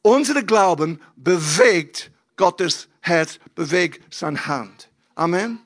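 A man preaching a lively, emphatic sermon from a church stage, using casual slang. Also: high-pitched, takes it slowly. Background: faint keyboard music.

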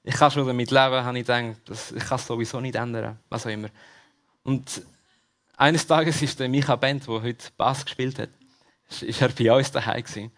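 A man's voice: mid-range voice, steady tone, a little fast, fairly bright tone. A man with a Swiss German accent preaching a sermon at a church service, talking straight to the congregation and repeating his key questions. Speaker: pastor.

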